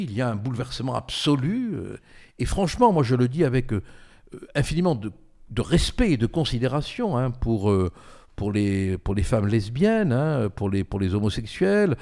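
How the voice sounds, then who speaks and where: A creaky, warm, mid-range voice belongs to an older political commentator hosting a talk show. He speaks emphatically, often restarting sentences and using many fillers.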